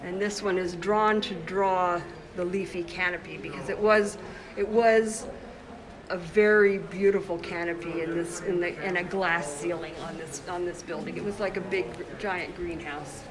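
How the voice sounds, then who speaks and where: A woman's voice: on the low side, fairly even intonation, moderate pace, rough recording. Chatty woman giving a phone-filmed gallery tour. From Congo. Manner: chatty, showing work while walking around. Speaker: artist. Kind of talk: casual livestream gallery tour. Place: indoor art gallery at a busy opening. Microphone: handheld phone livestream. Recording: crowd chatter behind, phone mic. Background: gallery crowd chatter.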